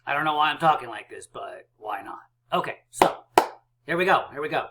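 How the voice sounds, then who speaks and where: A man's voice: medium pitch, animated, brisk, heavy background noise. A man teaching a math lesson to young children, upbeat and chatty with lots of fillers. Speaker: math coach.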